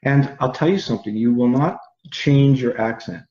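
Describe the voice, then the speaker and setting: A Canadian man, an English teacher, explaining earnestly and slowly with examples in a casual interview. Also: medium pitch, a little mellow. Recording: roomy, dull sound.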